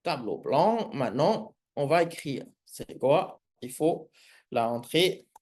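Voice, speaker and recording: A man who is not a native French speaker, with a foreign accent in French, teaches a live coding lesson haltingly, often searching for words. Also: on the high side, very animated, a little mellow. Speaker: programming instructor.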